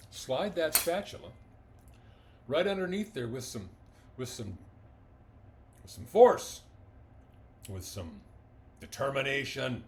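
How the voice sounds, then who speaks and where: Folksy male home-cooking vlogger, mid pitch, enthusiastic, kitchen with faint hum behind. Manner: folksy, enthusiastic, talks with mouth full while eating. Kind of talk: casual cooking demonstration.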